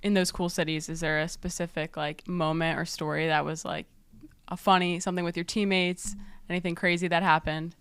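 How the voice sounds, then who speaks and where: A woman's voice: fairly low pitch, flat delivery, a little fast, fairly bright tone, clear, resonant tone, no echo. A woman hosting a podcast, chatting casually and asking follow-up questions. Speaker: podcast host.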